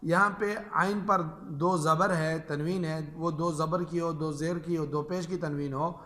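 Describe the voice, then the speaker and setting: Man, Quran reading teacher, bright tone, slightly high voice, patient, repeats rules. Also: fairly even intonation. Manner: patient, repeats each rule and drawls examples slowly. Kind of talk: explaining tajweed rules to teachers.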